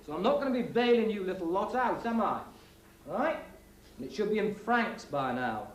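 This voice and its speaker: An actor playing a middle-aged schoolteacher, strict but joking, with an emphatic, lively delivery in a 1980s TV drama. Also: male voice, high voice, moderate pace, background noise. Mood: stern, teasing. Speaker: schoolteacher briefing his pupils. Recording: roomy TV soundtrack with music behind.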